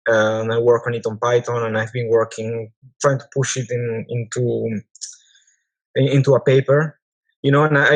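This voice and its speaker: A man's voice: mid-range voice, no room sound, poor audio. A man in his thirties from Peru, a medical doctor, chatting casually in a community AMA, hesitant with many restarts. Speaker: project founder, medical doctor.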